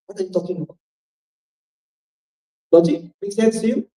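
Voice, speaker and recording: A man's voice: sits high, normal speed, warm tone. A man with a Malaysian English accent speaking on a forum panel, who keeps throwing rhetorical questions at the audience. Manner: rhetorical, repeats questions to the crowd. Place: event hall. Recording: echoey hall, distant mic.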